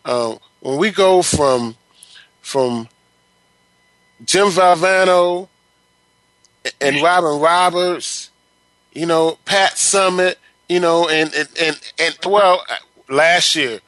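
Guy on a sports talk show, kinda high voice, keeps stammering on words, dry mic. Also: a bit bright, no room sound, poor audio. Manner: halting, repeats words while building opinions. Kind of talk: casual sports talk chat.

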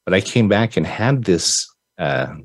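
Low-voiced, effusive male podcast host. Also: very animated, a little slow, no echo. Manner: effusive, rambling, lots of restarts. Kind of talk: casual interview.

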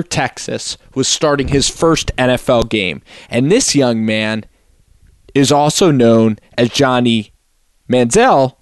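A man's voice: medium pitch, no echo, clean studio sound. A young man hosting a sports talk show, opening with energy and then running through game analysis with emphasis. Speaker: host.

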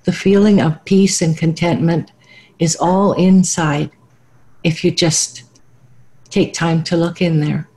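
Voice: medium pitch, fairly even intonation, slow pace, dark tone, rough recording. A co-host of a radio talk show about the mind, speaking earnestly and reflectively about looking inward.

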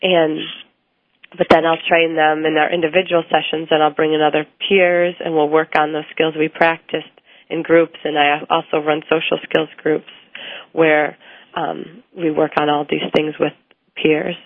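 A woman speech therapist explains her methods in a very low, level voice that hardly rises or falls. She talks through her points with plenty of ums and restarts. The sound is thin and phone-like, dry with no room echo. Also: little pitch movement, moderate pace. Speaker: speech language pathologist guest. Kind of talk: interview answers. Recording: tinny phone-like line, dry.

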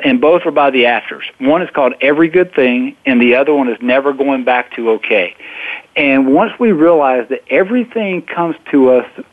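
A man's voice: medium pitch, no echo. A male radio host phones in his show, so his voice comes through a tinny, narrow phone line with no room sound at all. He talks in a loose, rambling way, doubling back on words and restarting sentences as he goes. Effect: talking over the phone. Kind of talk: casual talk radio monologue. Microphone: telephone.

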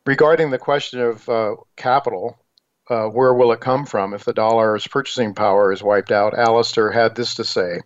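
A man hosting a financial radio show, delivering a partly scripted monologue in a halting way, repeating words. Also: medium pitch, steady tone. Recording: dull lo-fi radio audio.

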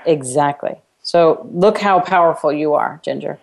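Speaking unhurriedly in a low, creaky, darkish voice, a female radio call-in host coaches a caller live. She is encouraging and affirming while asking probing questions.

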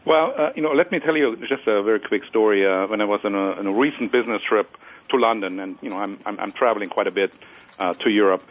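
Low-voiced guy rattling on fast with lots of uh, you know, muffled call-in sound. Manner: fast, with many fillers and restarts. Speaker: panel guest. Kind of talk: call-in interview. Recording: dull lo-fi line.

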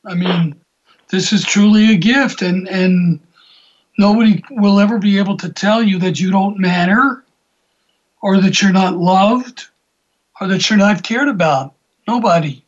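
A host speaks at an unhurried pace, reflecting the guest's story back and affirming it. The sound is dull and lo-fi, with the high end missing. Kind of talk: supportive interview questions.

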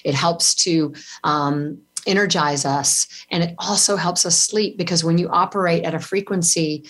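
Effusive, animated woman, lower-pitched. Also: normal speed. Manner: effusive, animated, laughing often. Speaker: yoga teacher, guest. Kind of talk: casual interview chat.

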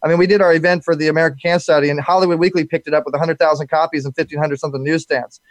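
A man's voice: on the high side, steady tone, rapid-fire, no room sound, lo-fi sound. A man hosting a live show, talking loosely with many fillers and repeated words. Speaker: show host.

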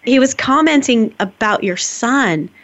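A woman's voice: a little high, animated, a little slow, a bit bright. Affirming woman host, slightly muffled. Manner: affirming, reflective, frequent "right" and "exactly". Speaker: podcast host. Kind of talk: casual podcast conversation. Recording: slightly dull, muffled sound.

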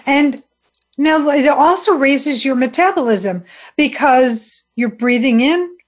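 A woman's voice: sits high, animated, takes it slowly. A woman hosting an interview, chatting in an upbeat, agreeable way. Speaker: interview host. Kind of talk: casual interview chat.

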